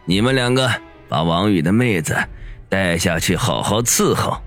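A man's voice: deep voice, expressive, normal speed, faint music behind. A man voicing an arrogant, lecherous young gang boss who sneers and gloats with menacing chuckles in an audiobook. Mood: gloating. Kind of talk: audiobook character voice.

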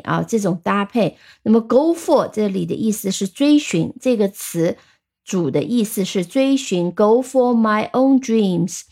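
A woman teaching English vocabulary in a patient, step-by-step way, slowly repeating example sentences and spelling words out letter by letter. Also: medium pitch, darkish tone. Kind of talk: vocabulary lesson.

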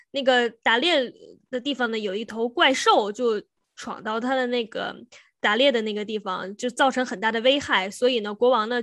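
A woman with a fairly high voice retells a fairy tale in a loose, chatty way. She stops to correct herself as she goes. The sound is dry and close, with no room around it. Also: fairly bright tone, dry recording. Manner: meandering, self-correcting, laughs often. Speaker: podcast co-host. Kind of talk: casual storytelling chat.

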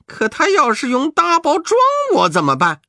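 A man voicing a brash, cocky male monkey king hero with a high, sharp, snorting delivery in a storybook reading. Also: wildly swooping pitch, moderate pace, vocal fry, no echo, studio quality, exaggerated voice.

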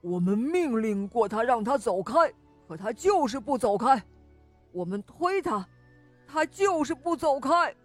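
A woman voicing a loud, bossy male lion who barks orders in a children's story. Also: a little high, very animated, unhurried, faint music behind. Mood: grumbling. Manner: commanding, shouting orders. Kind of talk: storybook reading.

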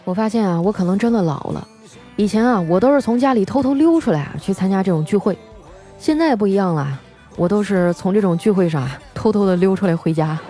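A young woman, telling comic stories as a radio host in a wry, deadpan way and playfully voicing the people she quotes. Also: medium pitch, fast, faint music behind. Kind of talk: comic storytelling monologue.

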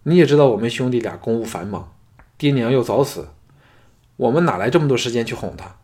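A man doing a young noble, worried and earnest, talking fast and freely. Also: mid-range voice, animated, mellow, close to an everyday voice. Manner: worried and candid. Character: troubled young male noble, talkative and earnest.

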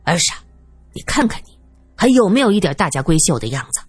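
A woman's voice: on the low side, very animated, normal speed, breathy edge, dry recording, faint music behind, full character voice. A woman voicing a stern young male detective who speaks curtly and scolds. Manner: curt, scolding.

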